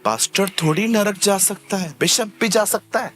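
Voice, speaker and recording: A man preaching as a pastor, lively and humorous, acting out little scenes and repeating key phrases for emphasis. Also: high voice, normal speed, music in the background. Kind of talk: sermon.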